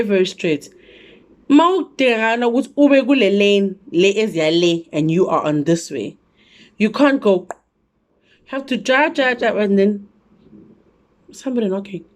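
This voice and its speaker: A woman from South Africa with a South African accent, telling a travel story in a casual, animated vlog with lots of asides. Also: mid-range voice. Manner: animated, chatty, full of asides. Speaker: travel vlogger.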